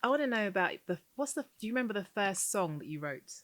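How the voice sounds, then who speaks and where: A woman co-hosting a casual interview, lively, eager and chatty as she asks questions. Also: mid-range voice, fast, no echo. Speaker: podcast co-host.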